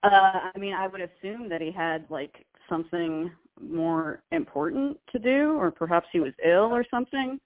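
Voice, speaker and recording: A woman's voice: medium pitch, moderate pace, few pauses, dry recording. Woman calling in over a breaking-up phone line. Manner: wry, deadpan humor. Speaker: podcast co-host calling in from abroad. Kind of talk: casual chat. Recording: tinny, dry phone call with dropouts.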